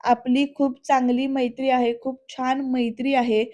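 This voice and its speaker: A woman voicing a calm woman doctor. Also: high voice, moderate pace, natural voice. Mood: gentle. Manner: patient, explaining.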